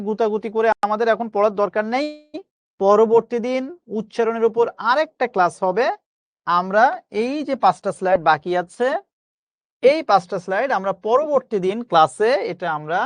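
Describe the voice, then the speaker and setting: A man with a voice that sits high teaches an online pronunciation class, reassuring his students and dropping English phrases into the lecture. The recording has no room sound.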